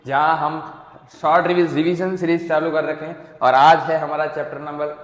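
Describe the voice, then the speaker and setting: A man's voice: on the high side, level tone, moderate pace. A young man teaching math in a casual lecture, often asking a question and answering it himself. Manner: repeats questions and answers them himself, keeps checking in with "theek hai". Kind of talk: casual Hindi-English lecture to students. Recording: echoey room with long reverb.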